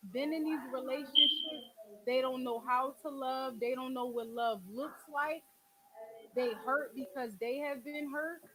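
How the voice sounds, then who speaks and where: A twenty-something woman from Philadelphia hosts a podcast and call-in show, chatting openly about relationships with a blunt, emphatic style, heavy street slang, and lots of swearing. Her voice leans high with a fairly bright tone, and the recording is rough.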